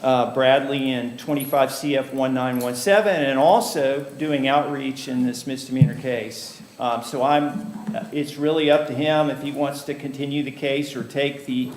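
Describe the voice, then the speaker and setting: A man's voice: medium pitch, steady tone, normal speed, hardly any pauses, reverberant, slight background noise, rough recording. A male defense attorney addressing a judge in a formal way, with many fillers and restarts, heard in a courtroom recording.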